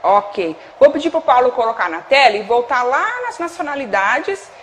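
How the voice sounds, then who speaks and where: A Brazilian Portuguese-accented woman teaches a broadcast class in a high, bright voice. She keeps checking in with short "ok?" and "tá?" tags and calls instructions to a producer off camera. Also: big pitch swings, normal speed, a little hiss or hum. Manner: checks in often with "tá?" and "ok?"; gives cues to a producer off-camera. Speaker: Spanish teacher. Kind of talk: televised classroom explanation.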